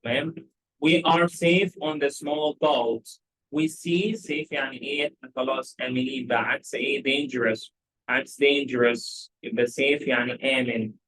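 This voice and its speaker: A man with an Egyptian Arabic accent teaching English, who reads story lines slowly and then explains them in quick Arabic with repeated check questions. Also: mid-range voice, steady tone, a bit bright, poor audio.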